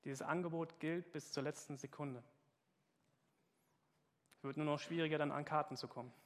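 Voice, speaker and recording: Male preacher, fairly high voice, earnest and searching, sermon echoing in a big church. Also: steady tone, normal speed. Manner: earnest, questioning, speaks straight to the congregation. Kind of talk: sermon with Bible reading.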